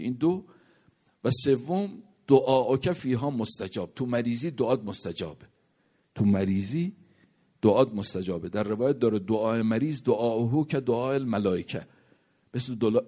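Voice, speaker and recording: A man's voice: dark tone, slightly rough. A man preaching a sermon, reciting Arabic verses and hadith and telling a story, his voice rising and sinking to a near whisper. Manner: rises and falls in pitch, drops to a near whisper at points.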